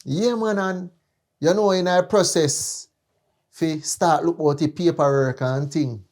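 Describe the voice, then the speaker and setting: A man's voice: on the high side, unhurried, darkish tone. A man with a Jamaican accent hosting a casual chat in slangy, emphatic Patois. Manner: slangy, emphatic, repeating check-in phrases. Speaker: podcast host. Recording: music behind the voice.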